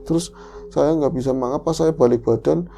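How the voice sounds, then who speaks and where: A man's voice: normal speed, creaky, dark tone, soft background music. A man, dramatically telling a first-person horror story as podcast host, acting out the quotes. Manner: dramatic, swings pitch and acts out quotes.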